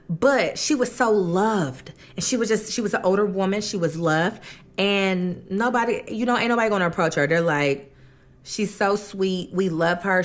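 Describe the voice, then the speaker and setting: Slangy woman telling a crime story. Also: lowish voice. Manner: slangy, colloquial retelling that acts out quotes. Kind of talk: casual storytelling over a mukbang meal.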